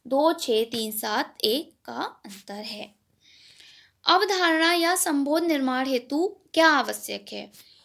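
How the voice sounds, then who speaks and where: Woman, teacher, high voice, gravelly, exam revision lesson, explains step by step. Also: expressive, slow pace, fairly bright tone. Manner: explains step by step, asks and answers own questions.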